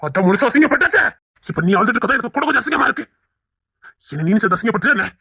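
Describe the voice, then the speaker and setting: A man's voice: very high voice, sing-song, racing, vocal fry, bright, forceful tone, breathy edge, no echo, studio quality, heavily acted. A man playing a proud young husband who angrily scolds his crying wife in a web drama. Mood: angry scolding. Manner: harsh, scolding. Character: proud, furious young husband shamed in public.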